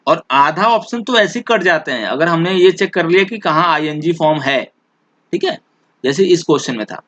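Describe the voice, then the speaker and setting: A male teacher explaining English exam questions in Hindi, reading the example sentences out slowly and often checking back with "theek hai". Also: fairly high pitch, animated, fairly bright tone, no echo, dull audio.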